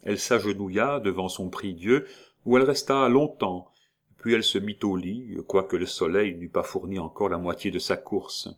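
A man narrating a classic novel as an audiobook in a measured storytelling manner. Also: low voice.

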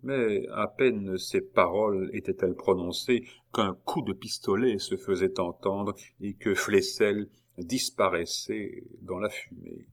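A man reading a historical novel aloud in a measured, dramatic narration. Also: low voice, steady tone. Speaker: audiobook narrator. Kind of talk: scripted narration.

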